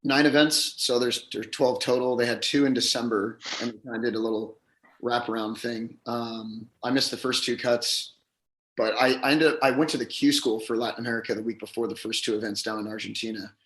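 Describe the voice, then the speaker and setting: A man who is losing his voice, slightly hoarse, chatting casually as a pro athlete being interviewed. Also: mid-range voice, fairly even intonation, a little fast, fairly bright tone, reverberant, rough recording. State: hoarse, voice a little gone. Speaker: professional golfer, podcast guest. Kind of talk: casual chat.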